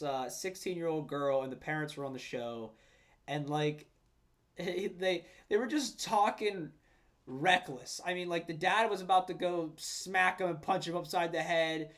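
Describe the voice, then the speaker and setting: A young man with a high-pitched voice talks in a loose, rambling way. He fills his sentences with "like" and restarts, and he swears freely in a casual podcast chat. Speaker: podcast co-host.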